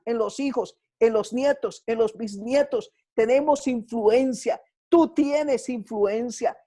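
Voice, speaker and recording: A woman's voice: a little high, mellow. A middle-aged woman preaching a sermon, often checking in with her listeners by asking "¿sí?" and "¿cierto?".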